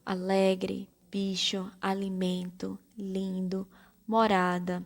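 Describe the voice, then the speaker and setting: A woman teacher with a Brazilian Portuguese accent, giving a slow, careful primary-school lesson and spelling out syllables one by one. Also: mid-range voice, monotone, gravelly. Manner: spells out syllables slowly and deliberately.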